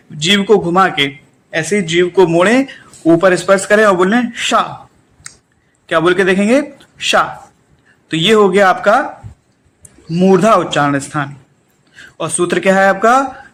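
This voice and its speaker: A high-voiced male teacher giving an exam-prep lesson at an unhurried, deliberate pace. He chants each memory formula slowly and repeats it, then speaks to students directly and tells them how to produce each sound. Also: a bit bright. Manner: addresses students directly with instructions.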